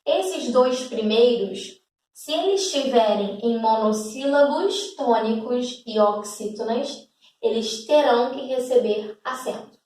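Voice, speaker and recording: A woman's voice: a little high, takes it slowly, a little mellow. A woman teacher with a Brazilian accent, giving a grammar lesson patiently and often checking that students follow. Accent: Brazilian Portuguese. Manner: patient, repeats examples, checks understanding with "tá?". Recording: echoey room, voice from a distance.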